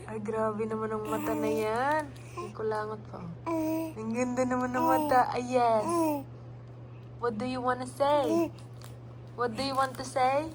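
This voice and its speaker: A woman's voice: fairly high pitch, a little slow, long pauses, background noise. A young woman from the Philippines talking baby talk to her infant daughter at home, cooing and coaxing in a sing-song way. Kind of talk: casual baby talk, mixing Tagalog and English.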